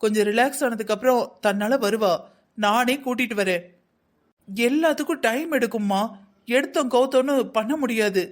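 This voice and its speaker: A man voicing a calm young brother in a cartoon family drama, reasoning patiently with his family. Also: extremely high pitch, moderate pace.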